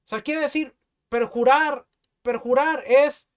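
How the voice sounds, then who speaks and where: A man's voice: extremely high pitch, steady tone, takes it slowly. A male pastor giving a teaching sermon, reading scripture aloud and explaining it, often repeating words as he finds his place. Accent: Mexican Spanish.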